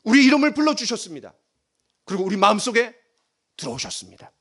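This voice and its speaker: Middle-aged pastor guy preaching, high voice, goes loud then drops to a hush. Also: very animated, quick pace. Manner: dramatic, swings between loud emphasis and hushed near-whispers; leads congregation in reading aloud. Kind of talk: sermon.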